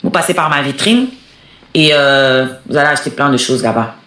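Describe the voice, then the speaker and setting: A woman's voice: very deep voice, normal speed, echoey room. A woman host, commenting on a replayed live and plugging products, crying out often. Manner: exclamatory, animated, cries out often. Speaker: show host.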